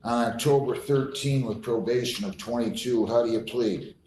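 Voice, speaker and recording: A man's voice: mid-range voice, moderate pace, darkish tone. An American man presides as a judge in a courtroom, speaking in a firm, formal way. He lays out procedure and puts plain questions. The room is echoey, with faint noise behind him. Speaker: judge presiding over hearings.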